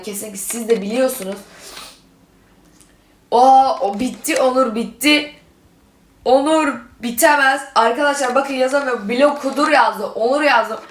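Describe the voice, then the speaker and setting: Woman vlogger, high voice, indignant and dramatic, roomy echo on the mic. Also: fairly bright tone. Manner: indignant, dramatic, reads messages aloud. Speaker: YouTuber. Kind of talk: dramatic gaming vlog.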